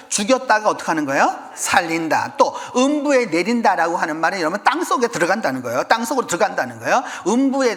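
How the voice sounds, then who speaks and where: A man's voice: sits high, fairly bright tone. A man preaching a sermon, constantly firing questions at the congregation. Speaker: pastor. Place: church sanctuary. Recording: long reverb in a church hall.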